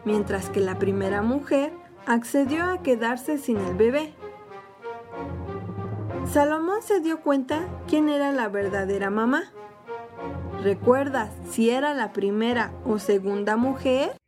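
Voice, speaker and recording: A woman hosting a children's Bible quiz, asking questions slowly and carefully with encouragement. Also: fairly high pitch, expressive. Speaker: host and quiz leader. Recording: music playing under the voice.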